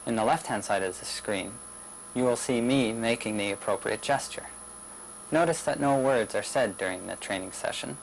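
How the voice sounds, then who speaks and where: A young man narrating a demonstration video in a measured, plain explanatory way. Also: fairly low pitch, vocal fry, a little hiss or hum, rough recording. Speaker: researcher demonstrating a system. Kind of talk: scripted narration of a demo video.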